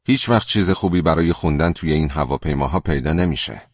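A man's voice: very deep voice, breathy edge, no echo, highs cut off. A male narrator voicing a chatty woman passenger on a plane who keeps talking without getting a reply. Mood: chatty insistent. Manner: insistent, talks on without a reply.

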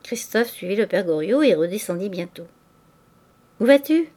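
A woman narrating a classic novel as an audiobook, in measured, clear storytelling. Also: on the low side, warm tone.

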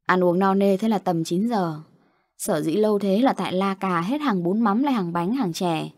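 Young female storyteller, lively narration, dry close mic. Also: mid-range voice, moderate pace, no room sound.

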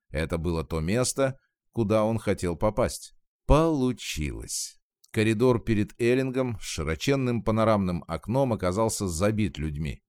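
A man reading a story aloud in scripted, expressive narration. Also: lowish voice, dry recording, clean studio sound. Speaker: audiobook narrator.

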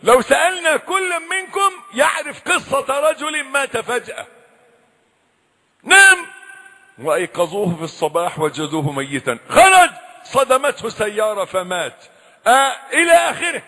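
In a reverberant hall with a long echo, a man with a high, bright, forceful voice preaches a sermon at a moderate pace. Very animated and impassioned, he pleads and cries out with leaping pitch, then drops to a hushed, low warning.

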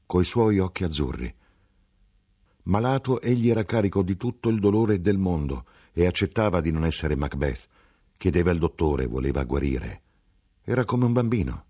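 A man with a deep, husky voice reads a literary novel aloud. His delivery is slow and reflective, with a lot of melodic movement. He sinks into quiet low asides between phrases. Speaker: audiobook narrator. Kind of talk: literary audiobook reading.

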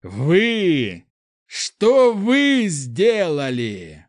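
A man's voice: mid-range voice, sing-song, drawn-out words, a bit bright, no echo, clean studio sound, exaggerated voice. A man voicing an arrogant young prince who roars and spits contempt in an audiobook. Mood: furious. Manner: roaring, spitting contempt. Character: enraged young male prince, arrogant and wounded.

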